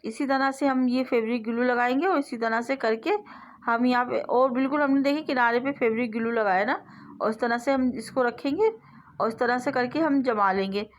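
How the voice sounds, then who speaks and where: A woman with a slightly high voice hosts a sewing tutorial, speaking as a voice-over. She explains every step patiently and repeats her phrases. She often lets her voice fade softly as she finishes a step. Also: normal speed. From South Asia. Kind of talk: instructional voice-over.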